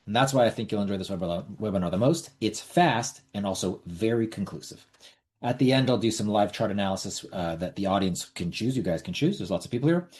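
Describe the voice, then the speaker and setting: A man's voice: fairly low pitch, animated, fast, a little mellow. A middle-aged man hosting a casual online trading webinar, talking bluntly with repeats and the odd swear word. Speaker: webinar host.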